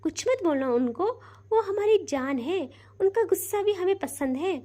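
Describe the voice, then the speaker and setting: A woman's voice: very high voice, animated, normal speed, warm tone. A woman voicing a playful, affectionate young woman who teases and coaxes her upset wife. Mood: tender. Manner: teasing, sweet-talking.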